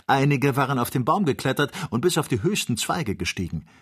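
Husky man narrating an audiobook. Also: medium pitch, brisk. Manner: steady, vivid storytelling. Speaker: audiobook reader. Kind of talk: scripted narration.

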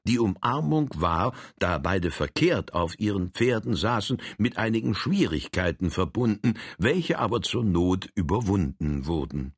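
Gravelly, husky man reading a story. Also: fairly low pitch, unhurried, hardly any pauses, dry recording, clean studio sound. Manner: steady storytelling. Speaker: audiobook reader. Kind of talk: scripted narration.

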